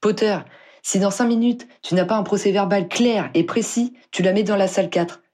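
Impatient, no-nonsense witch cop, as a reader puts her on, barking orders in a husky voice. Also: mid-range voice, quick pace, a little mellow, voice pushed up, close to an everyday voice. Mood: brusque. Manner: curt, commanding. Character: blunt tough female wizard officer, impatient.

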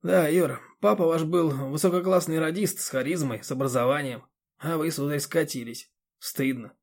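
A man voicing a calm, sardonic old man who speaks quietly and dryly. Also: on the high side, normal speed. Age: older.

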